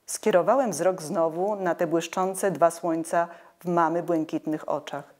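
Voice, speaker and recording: A woman reading a children's story aloud with expressive, melodic narration. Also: fairly low pitch, a little slow. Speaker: audiobook reader.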